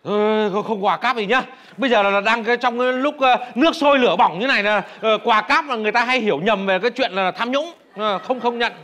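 A man's voice: sits high, quick pace, hardly any pauses. A middle-aged man playing a nervous, grumbling heavenly official in a satirical stage comedy, stammering and hesitant. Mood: flustered. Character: nervous, grumbling Kitchen God official of economy. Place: large indoor theatre stage. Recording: noisy theatre with loud audience reaction.

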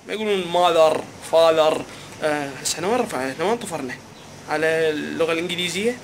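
A young man with an Iraqi Arabic accent, doing an animated, mock-puzzled comic vlog monologue. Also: high voice, slight background noise. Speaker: comedy vlogger.

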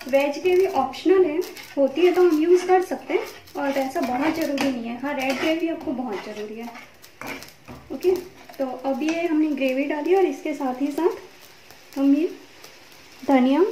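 A woman with a high voice explains a recipe step by step in a chatty, instructional way. She talks over a stove in an echoey home kitchen, with clear sizzling and frying sounds behind her. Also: noisy background. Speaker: cooking channel host. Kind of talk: home cooking tutorial.

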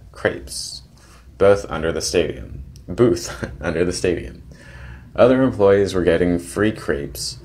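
Young male vlogger, very low voice, plain detailed diary-style narration. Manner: plain, detailed descriptive narration with small restarts.

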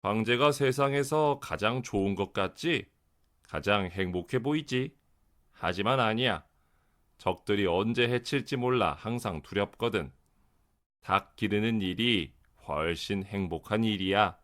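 A man reading as weary storybook Napoleon, clearly enunciated. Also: fairly low pitch, a little slow, fairly bright tone. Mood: gentle, confiding. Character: weary, regretful male emperor in a storybook.

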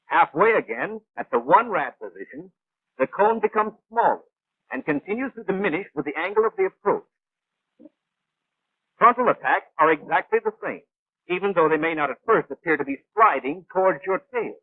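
The tinny, narrow audio of a 1940s animated training film carries a high male voice at a moderate pace, with no echo. He plays a brisk gunnery instructor who is patient but exacting and a bit of a know-it-all, delivering precise, clipped instruction with a very lively pitch contour.

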